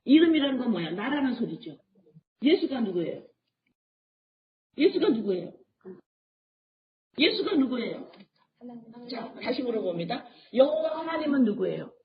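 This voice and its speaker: A woman pastor preaching a sermon in a fairly high voice. She keeps asking questions and answering them herself, and her volume jumps between hushed and loud. The recording is dull and lo-fi. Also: very animated, normal speed, pauses often.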